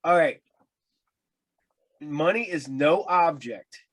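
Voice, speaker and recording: American man, higher-pitched, rambling casual interviewer. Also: lively intonation, takes it slowly, poor audio. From Ohio, United States.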